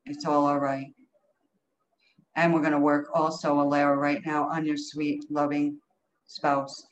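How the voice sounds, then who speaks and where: A woman guides an energy healing session in short, incantatory phrases, often repeating her commands. Her pitch stays fairly flat and sits mid-range. The call audio is lo-fi, with faint noise behind her. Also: a little slow. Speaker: energy healer leading a group healing call.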